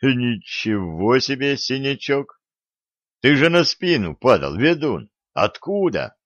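A stern warrior priest speaks in a gruff, commanding way, as a male narrator voices him. It sits low and unhurried, in a dull, dry storybook recording. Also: lively intonation, a bit bright, no echo. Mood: urgent.

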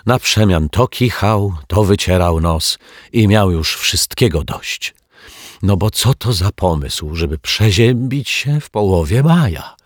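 A man reading a children's story aloud with slow, expressive storybook delivery. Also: low voice, no echo, studio quality.

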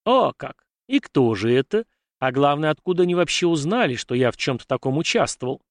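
A man voicing an irritable, sharp-tongued young nobleman who speaks bluntly, in a storybook reading. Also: medium pitch, lively intonation, dry recording, clean studio sound, close to an everyday voice. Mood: agitated. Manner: blunt, quick to snap.

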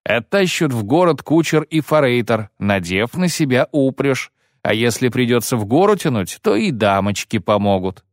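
A man's voice: medium pitch, big pitch swings, moderate pace, no echo, clean studio sound, close to an everyday voice. A man voicing a mocking, leering young male bandit with a sneering, mock-polite manner.

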